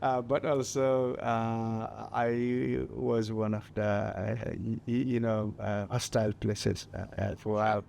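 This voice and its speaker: Halting Nepali-accented man in interview. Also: lowish voice, flat delivery, vocal fry, darkish tone, slight background noise. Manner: halting, many fillers, laughs lightly. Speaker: guest mountaineer. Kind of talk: festival stage interview.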